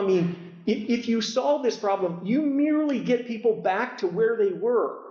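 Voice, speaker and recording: A man giving an emphatic talk at a conference, often repeating words as he starts, heard through a low-quality live stream recording from a hall. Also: darkish tone. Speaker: conference speaker. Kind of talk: public speech at a conference. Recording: echoey, muffled hall recording.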